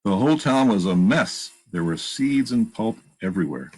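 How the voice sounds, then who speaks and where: At normal speed and in a husky, somewhat low voice, a male storytime narrator reads a children's picture book with expressive, sing-song delivery. Now and then he makes simple remarks about the illustrations.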